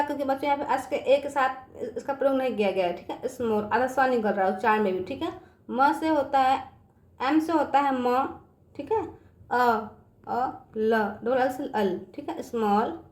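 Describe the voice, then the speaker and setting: A woman's voice: high-pitched, roomy sound. A woman teaching English words to children in a patient, repetitive way, often checking that they understand. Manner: patient, repetitive, often asks "समझ में आ गया बच्चों?". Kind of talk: online English lesson for children.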